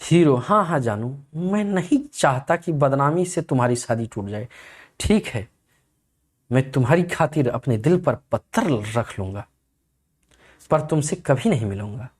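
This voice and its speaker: A man's voice: medium pitch, animated, a little slow, breathy edge. A man voicing an idle young man who makes melodramatic, insincere vows to his girlfriend. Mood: mock-noble. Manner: mock-tragic, lazy, insincere. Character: idle, self-serving young man, fake lover.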